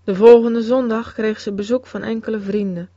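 A woman reads a religious memoir aloud in a solemn, measured way. Her voice is fairly high. The sound is dry and a little dull, as if recorded close on a modest mic. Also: fairly even intonation, mellow, no room sound. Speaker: reader. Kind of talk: scripted narration of a religious memoir.

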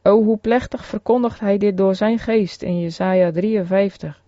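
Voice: mid-range voice, fairly even intonation, dark tone, no echo, highs cut off. Solemn man reading a sermon. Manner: solemn, earnest, measured. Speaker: preacher.

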